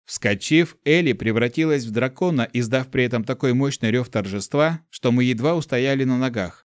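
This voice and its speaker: A man's voice: mid-range voice, normal speed, no room sound, studio quality. Man narrating a wry fantasy audiobook. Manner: wry, colloquial. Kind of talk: first-person fantasy narration.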